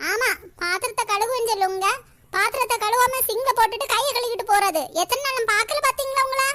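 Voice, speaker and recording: A woman's voice: very high voice, quick pace, bright, forceful tone. A woman voicing a short-tempered grandmother in a homemade comic cartoon, nagging about chores. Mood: scolding.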